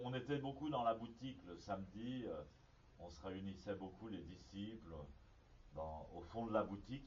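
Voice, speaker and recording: A man teaching as a zen teacher, telling a story in a halting way with many restarts. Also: fairly low pitch, a little hiss or hum. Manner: halting, with frequent restarts and fillers. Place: meditation hall. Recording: distant, dull lo-fi archive recording.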